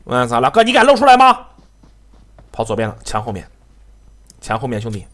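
An excitable man calls his game live, swearing and laughing as he goes. His voice sits at a middle pitch and swings up and down a great deal. He keeps chattering to his teammates the whole time. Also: fairly quick. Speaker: game streamer. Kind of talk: live gameplay commentary.

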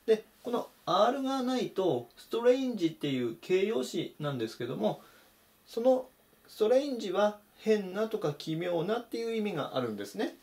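Man, vocabulary lesson, careful explanations, pronunciation tips, animated intonation. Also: sits high, moderate pace. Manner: methodical, stresses pronunciation points. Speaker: English teacher.

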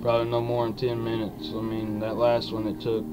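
A young man with a fairly low, monotone voice chats casually to his webcam from arm's length, rambling through a dip review with a lip full of dip in a folksy, drawn-out, hesitant way. He sits in a small wood-panelled room, and country music plays behind him on this rough recording.

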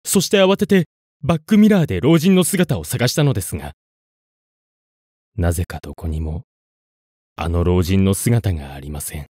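A man reads a scripted ghost story in a low voice. His intonation moves widely, building suspense with deliberate pauses. The recording is close and dry. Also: big pitch swings, darkish tone, husky, no echo. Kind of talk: scripted horror story narration.

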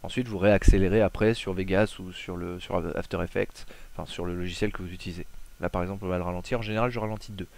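Lowish-voiced man, hesitant tutorial narrator. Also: fast talker, vocal fry. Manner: relaxed, hesitant with frequent "euh" fillers; talks viewers through steps directly. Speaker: tutorial host. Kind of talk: casual screen-recording tutorial.

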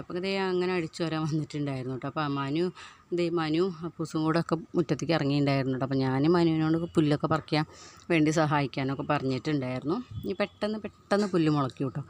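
A woman's voice: deep voice, darkish tone, slight background noise. A housewife from Kerala chattily narrating her daily chores over a home vlog, tagging her sentences with "you know?"; she is recovering from a tooth extraction. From Kerala, India. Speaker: housewife vlogger.

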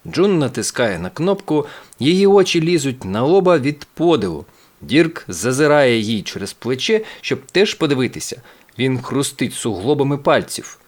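A man's voice: mid-range voice, big pitch swings, moderate pace. A man reading a children's audiobook aloud, telling the story with expression. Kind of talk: audiobook narration.

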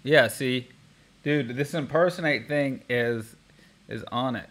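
A man vlogging casually, thinking aloud while testing software, rambling with restarts. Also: medium pitch, slow pace. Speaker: tech vlogger.

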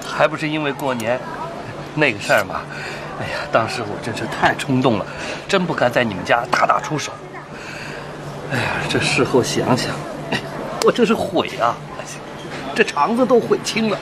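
An actor playing a remorseful middle-aged uncle, sheepish and apologetic, in a TV drama. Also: male voice, mid-range voice, sing-song, normal speed, lightly acted. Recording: background noise.

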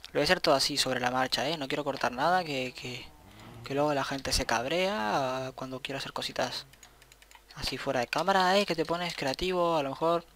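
A man giving casual, excitable let's-play commentary, thinking aloud as he plays. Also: mid-range voice, a little fast, slight background noise. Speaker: gameplay commentator.

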